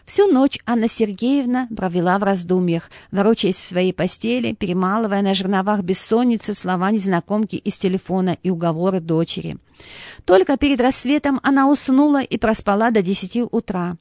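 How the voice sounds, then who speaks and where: A woman reading a story aloud in a steady, expressive scripted narration. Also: medium pitch, dry recording, clean studio sound.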